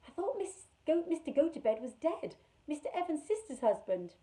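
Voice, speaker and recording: A woman's voice: sits high, sing-song, normal speed, mellow, voice pushed up. A woman doing a frightened young girl. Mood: puzzled. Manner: urgent, breathless pleading. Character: frightened girl, nearly twelve.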